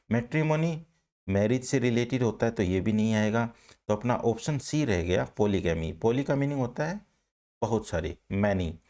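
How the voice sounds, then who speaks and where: Male teacher, gravelly, mid pitch, works through options and answers his own questions. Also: darkish tone. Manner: explains step by step, often asking and answering his own questions. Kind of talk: online vocabulary class. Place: online class recording.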